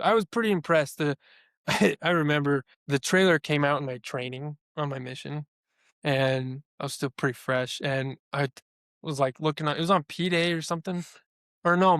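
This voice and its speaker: A man's voice: on the high side, fairly bright tone, no room sound, studio quality. A young man co-hosting a podcast in a casual, chatty way, sharing opinions and filling his talk with "like". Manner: chatty, opinionated, heavy use of "like". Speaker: podcast co-host. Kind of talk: casual chat.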